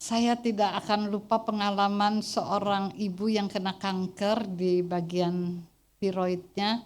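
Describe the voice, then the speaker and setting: A middle-aged woman pastor preaching a Sunday sermon in church, telling humorous stories in a loud voice that carries far and often addressing the congregation. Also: medium pitch, steady tone, slow pace.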